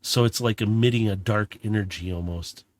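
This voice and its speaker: A man's voice: on the low side, moderate pace. A man working as game master, improvising casual, descriptive narration for a tabletop game and correcting himself as he goes.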